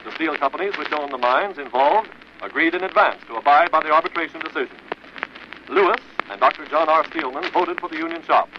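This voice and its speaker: A man's voice: fairly high pitch, fairly quick. An American man reading a formal, declamatory 1940s radio newscast in an old newsreel manner. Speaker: radio news announcer. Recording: noisy, muffled 1940s radio broadcast. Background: loud radio noise.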